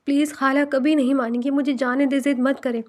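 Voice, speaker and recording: Frightened crying young woman, voiced by a female narrator, high and pleading. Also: level tone, a little mellow, lightly acted. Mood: tearful pleading.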